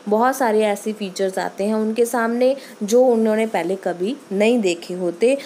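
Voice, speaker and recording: A woman teacher with a Punjabi accent giving a lecture on English pronunciation, reading English lines slowly and explaining them quickly in Hindi. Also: medium pitch, dark tone, slight background noise.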